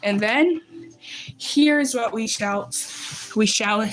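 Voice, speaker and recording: A woman's voice: on the high side, extremely slow, faint music behind, rough recording. A woman chatting casually while she draws, rambling and poking fun at herself as she gets sidetracked. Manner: rambling, self-mocking, easily sidetracked. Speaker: drawing streamer. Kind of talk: casual drawing commentary. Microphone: desk mic on a recording stand.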